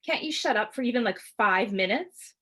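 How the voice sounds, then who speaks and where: A woman's voice: on the high side, lively intonation, normal speed, a bit bright, husky. A scornful teenage girl who bosses her little brother around, her voice raised and full of mockery, as a woman reads her. She sounds bored and dismissive. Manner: mocking and dismissive. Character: scornful teenage girl, bossy older sister.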